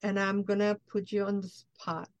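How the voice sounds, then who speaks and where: A woman's voice: medium pitch, level tone, normal speed, dry recording, muffled recording. Effusive woman host, dry close sound. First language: Spanish. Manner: effusive, enthusiastic. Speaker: show host. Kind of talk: casual interview chat.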